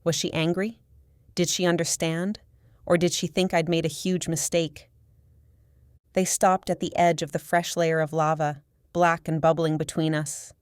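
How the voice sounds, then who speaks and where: A woman narrating a first-person audiobook in a steady, measured storytelling manner. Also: low-pitched, clear, resonant tone, dry recording, studio quality.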